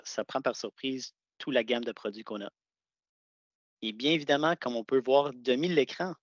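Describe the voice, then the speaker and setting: Speaking in a mid-range voice, a man presenting products as a sales engineer talks conversationally over a video call, often restarting hesitantly. The audio comes through dull and dry, free of echo.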